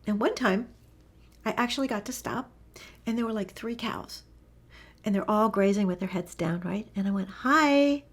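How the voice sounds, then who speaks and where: Soft-spoken woman teaching, slipping into whispers. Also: mid-range voice, steady tone, moderate pace, pauses often, husky. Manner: enthusiastic, talks with laughs. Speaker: animal communication teacher. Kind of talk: gentle spoken lesson.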